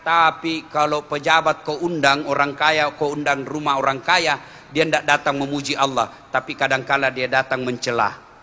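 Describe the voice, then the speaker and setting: A man delivers a humorous sermon, dropping to low asides and then rising to loud exclamations. His voice is strikingly bright and forceful and sits somewhat high. A long reverb trails his words around the hall. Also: little pitch movement, moderate pace. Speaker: preacher.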